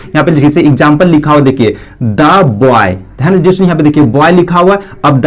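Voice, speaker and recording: A young man teaching an English grammar lesson, repeating his fillers and addressing the students again and again. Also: a little high.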